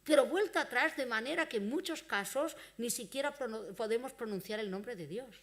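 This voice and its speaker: High-voiced Spanish woman preaching. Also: animated, moderate pace, a bit bright. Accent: Spain Spanish. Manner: earnest, conversational, with acted-out quoted dialogue. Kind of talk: sermon. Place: church.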